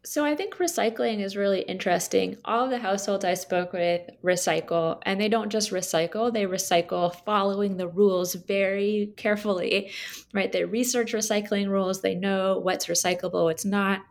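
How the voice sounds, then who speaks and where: Woman author, mid pitch, vocal fry, measured interview answers. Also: steady tone. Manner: measured, explanatory, frequent ums. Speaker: author interviewed about her book.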